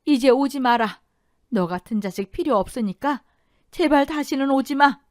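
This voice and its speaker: A woman's voice: on the high side, expressive, measured pace, no room sound, clean studio sound, voice pushed up. A woman voicing an elderly grandmother in an audio drama, tearful one moment and scolding fiercely to protect her granddaughter the next. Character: elderly grandmother, rice-mill owner, fierce but grieving.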